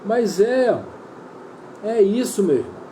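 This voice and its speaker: A Brazilian Portuguese-accented man preaches in a high, warm voice, earnest and repetitive as he calls his listeners brother. The sound is roomy and echoey, with faint ambient noise behind him. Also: lively intonation, slow. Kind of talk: sermon.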